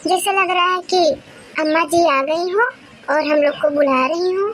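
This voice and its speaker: A woman's voice: extremely high pitch, a little slow, slight background noise. A woman voicing a fussy middle-aged mother-in-law in a cartoon who keeps asking questions. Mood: anxious. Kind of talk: cartoon character voice.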